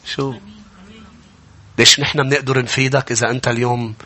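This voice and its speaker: Lebanese preacher guy, bright edgy voice, bit husky, gets loud and fired up. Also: medium pitch, flat delivery, fairly quick. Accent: Lebanese Arabic. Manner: impassioned preaching, swinging from quiet to loud shouts. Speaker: pastor. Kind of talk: sermon.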